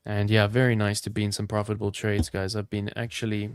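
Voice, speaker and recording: An upbeat, chatty man from South Africa, his South African accent softened toward American, hosting a live trading stream and talking straight to his viewers. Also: on the low side, completely flat delivery, fast, clean tone, no echo, clean studio sound. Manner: upbeat, chatty, addresses chat viewers directly. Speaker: crypto trading livestream host. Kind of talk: casual live-stream commentary.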